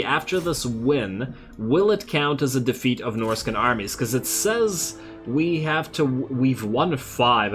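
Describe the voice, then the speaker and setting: Male let's play host, laid-back strategy commentary, thinking out loud over faint music. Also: medium pitch. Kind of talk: casual strategy game commentary. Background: game music.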